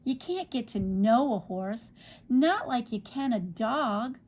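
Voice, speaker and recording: A woman's voice: fairly high pitch, expressive, takes it slowly, darkish tone. A sad earnest farm boy, as a woman reads him. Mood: wistful.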